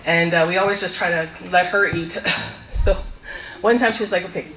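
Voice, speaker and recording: Soft-spoken woman in an echoey hall. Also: lowish voice, moderate pace, faint music behind. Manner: soft-spoken, warm and fond, with light laughter. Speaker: family member giving a eulogy. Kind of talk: funeral speech with anecdotes. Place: funeral hall. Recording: echoey hall with faint ambience.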